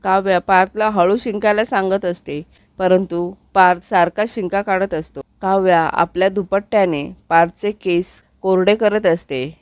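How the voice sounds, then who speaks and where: Woman, serial episode recap narration, steady retelling, dry close mic. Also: mid-range voice, normal speed, clean tone, no echo.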